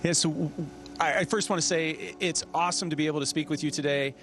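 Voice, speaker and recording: A man speaking as an astronaut in an informal educational question-and-answer, earnest and explanatory, with halting repeats. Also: fairly high pitch, fairly even intonation, a bit bright. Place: inside a space station.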